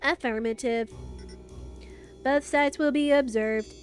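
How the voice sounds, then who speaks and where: A woman's voice: high voice, steady tone, slow pace, soft background music. A woman voicing a clipped, emotionless female robot computer in a robot voice, reading game dialogue. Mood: flat. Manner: robot voice, terse machine-like statements.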